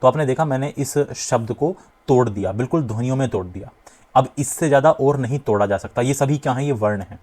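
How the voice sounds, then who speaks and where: A young man teaching grammar for exam prep, emphatic and repetitive, slowly sounding out syllables to demonstrate. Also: medium pitch, darkish tone. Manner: emphatic, repeats key points, often says "dhyaan deejiye". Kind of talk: exam-prep lesson at a board.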